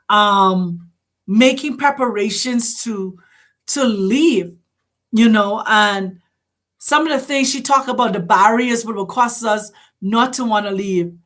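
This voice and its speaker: A woman's voice: fairly high pitch, measured pace, a bit bright. A woman hosting, giving an impassioned spiritual address full of rhetorical questions and urgent appeals to her listeners. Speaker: host.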